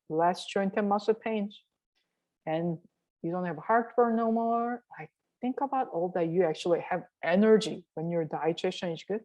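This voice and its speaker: A woman's voice: lowish voice, mellow. Woman, casual cooking tutorial, encouraging, rhetorical questions, muffled lo-fi audio. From Korea. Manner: chatty and encouraging, asks frequent rhetorical "right?". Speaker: health and cooking vlogger.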